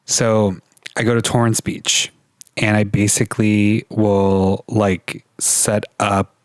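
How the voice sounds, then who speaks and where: A man co-hosting a podcast, telling stories in an animated way and swearing freely, with his mic set a little too far from him. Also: takes it slowly, dry recording, studio quality. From California. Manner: animated storyteller, swears freely, high-pitched when quoting others. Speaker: podcast co-host. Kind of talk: casual chat.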